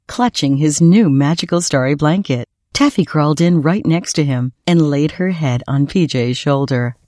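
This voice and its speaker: Woman storyteller, low soft voice, children's story, dry sound. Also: no echo. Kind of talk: children's bedtime story reading.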